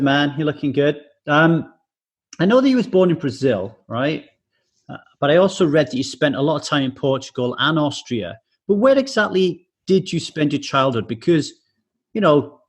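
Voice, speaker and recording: A man's voice: a little high, husky. Earnest interviewer, a man. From England. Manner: earnest, shares own stories, stacks questions. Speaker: podcast host. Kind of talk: interviewing a guest.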